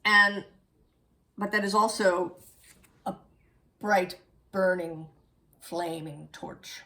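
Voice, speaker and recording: A woman's voice: fairly low pitch, steady tone, drawn-out words, pushed and bright. A woman giving a casual, reflective tarot reading, musing aloud and correcting herself as she goes. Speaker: tarot reader.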